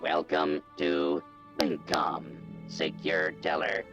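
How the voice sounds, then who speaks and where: A man voicing a bank security terminal in a video game, with a flat synthetic computer effect and slow, clipped machine announcements. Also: rumbling low, gravelly, lo-fi sound, music in the background, full character voice. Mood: monotone.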